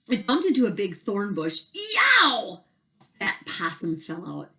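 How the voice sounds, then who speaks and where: Reading a storybook to kids indoors in her bedroom, a middle-aged woman talks in a lowish, expressive voice at a moderate pace. She keeps the tone casual and draws the children in with questions.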